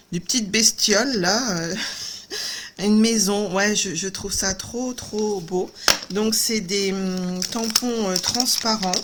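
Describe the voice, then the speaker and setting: A woman hosting a casual craft video, chatty and enthusiastic, full of little fillers and exclamations. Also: mid-range voice. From France. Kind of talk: casual live unboxing chat. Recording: noisy home recording.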